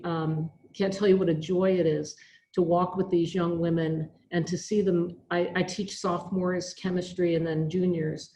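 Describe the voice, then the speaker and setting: A woman's voice: on the low side, dark tone. A woman who teaches and belongs to a religious order, talking reflectively on a video call from a school science lab, with many fillers and restarts.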